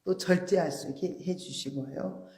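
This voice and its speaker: A woman preacher giving a sermon, explaining earnestly with soft, polite endings. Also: on the low side, normal speed, echoey room. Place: church sanctuary.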